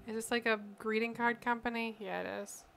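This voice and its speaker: A woman's voice: a little high, steady tone, brisk, gravelly, a bit bright, soft background music. A woman streaming a game, reading web pages aloud with incredulous, sarcastic asides. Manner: incredulous, sarcastic, reads website text aloud with dry asides. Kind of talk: casual gameplay commentary.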